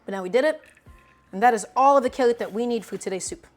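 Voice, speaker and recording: A cooking streamer in her twenties hosts a casual livestream, teasing viewers and walking through each step as she chops. Her voice is fairly high and she talks fast, with soft music playing in the background.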